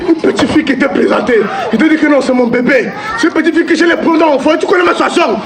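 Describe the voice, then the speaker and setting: An actor with a Cameroonian French accent playing an indignant man accused of flirting, who protests loudly and repeats himself. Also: extremely high pitch, racing, crowd noise. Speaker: actor in a comedy sketch. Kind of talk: comic sketch acting.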